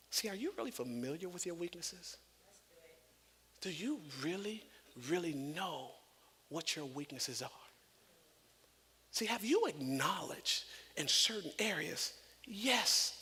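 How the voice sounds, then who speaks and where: A man pastor preaching a sermon with dynamic delivery, dropping to hushed asides and building to loud climaxes. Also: on the high side. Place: church sanctuary. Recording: long reverb of a church hall.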